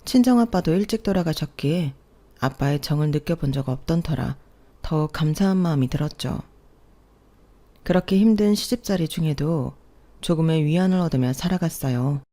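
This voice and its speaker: A woman narrating a dramatic family story in a calm, plaintive storytelling manner. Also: low voice, moderate pace.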